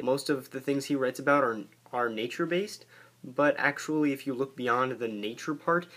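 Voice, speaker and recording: A man's voice: mid-range voice, fairly bright tone. A young man talking eagerly about a favorite poem and reading it aloud, often restarting his sentences. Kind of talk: casual talk and poetry reading.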